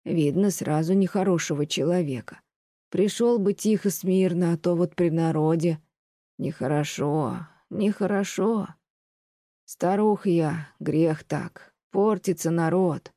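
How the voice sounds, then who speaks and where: A woman voicing a lonely, fretful old landowner lady who scolds in a slow, plaintive way, as an audiobook reading. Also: on the low side, warm tone, dry recording, studio quality. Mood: grumbling. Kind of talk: audiobook reading of classic prose.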